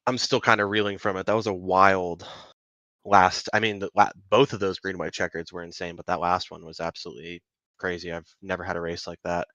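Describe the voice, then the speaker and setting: A low-voiced man talks through his race in a laid-back, self-deprecating way, letting his sentences trail off. His tone is bright and edgy. The call audio is dry and muffled. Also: little pitch movement, brisk, dry recording. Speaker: race driver guest. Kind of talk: post-race interview.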